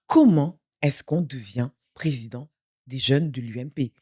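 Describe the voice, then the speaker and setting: A woman's voice: extremely low pitch, unhurried, darkish tone, husky. A woman hosting a podcast interview, introducing her guest and asking questions. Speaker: podcast host.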